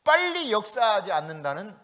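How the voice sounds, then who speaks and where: High, lively male pastor preaching. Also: moderate pace. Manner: animated preaching, asks the congregation questions, reads scripture aloud. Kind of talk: sermon. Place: church sanctuary. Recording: long church hall reverb.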